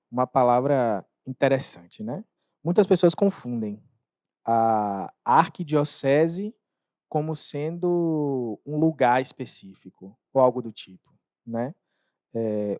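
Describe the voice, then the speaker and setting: A young seminarian co-hosting a podcast, asking questions conversationally, with tag questions and small restarts. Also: male voice, medium pitch, a little mellow, dry recording, studio quality. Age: young adult. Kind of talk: podcast interview.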